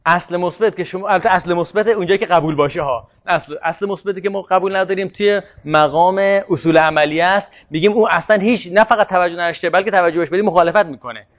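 A man with a fairly high voice explains a point at length in a seminar, answering questions as they come. The recording sounds muffled and lo-fi. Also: hardly any pauses. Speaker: teacher. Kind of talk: seminar lecture.

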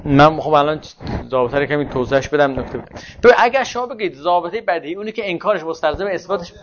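A man's voice: a little high, expressive, slight background noise. A man giving a philosophy lecture, thinking aloud, asking himself questions and answering them, and stopping to correct himself. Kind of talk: university lecture. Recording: muffled lo-fi classroom recording.

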